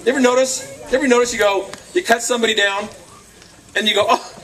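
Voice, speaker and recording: A man giving a lively youth sermon, acting out quotes and laughing often, recorded on a camcorder from across the room. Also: very high voice, fast talker, slight background noise. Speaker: youth speaker. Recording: distant camcorder sound, faint crowd.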